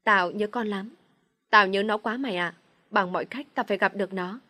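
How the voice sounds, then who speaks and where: A grieving young mother in an audio storybook, her pleading lines choked and unhurried, voiced by the woman narrating. The voice sits at an ordinary middle pitch for a woman. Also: pushed and bright, no echo. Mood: tearful.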